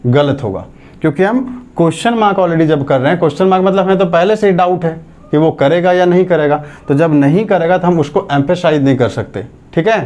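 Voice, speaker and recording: A man's voice: on the high side, fairly quick, a little mellow. A man teaching English grammar in a classroom lecture, explaining step by step, dictating sentences word by word and asking whether the class has understood. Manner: explains step by step, asks checking questions.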